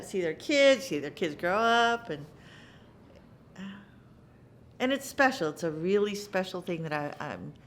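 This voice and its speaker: A middle-aged American actress being interviewed about theater reflects on her work animatedly and earnestly, her pitch rising and falling freely. She often doubles words for emphasis and brings quoted lines to life, with slight background noise behind her.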